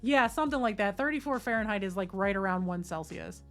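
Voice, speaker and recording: A woman's voice: medium pitch, expressive, fast, faint music behind. A woman chatting casually to her live-stream viewers from a desk at home, talking straight to them. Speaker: livestreamer. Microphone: desk microphone.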